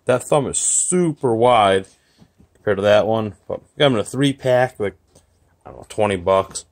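It's a casual walkthrough vlog: a man with a fairly low, expressive voice films his garage and yard, partly outdoors, on a handheld phone. He talks at a moderate pace, offhand and rambling, with fillers.

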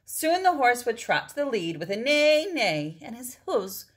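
This storyteller is a woman in her 40s whose slightly high voice swings widely in pitch. She gives a deliberate, dramatic picture-book reading to young listeners, with asides to them, indoors in a small room at home.

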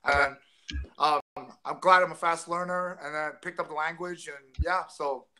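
Rough-sounding audio catches a Taiwanese ex-fighter in his forties telling rambling, casual stories as an interview guest over a video call, full of fillers and restarts. His voice is a little high, pushed and bright, with fairly even intonation and a moderate pace. A webcam records him close up in a home room with a framed jersey.

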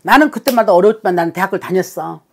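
A woman's voice: mid-range voice, expressive, rapid-fire, slight background noise. A woman shaman giving a blunt, scolding consultation, swearing and bursting into emphatic outbursts. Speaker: shaman fortune-teller.

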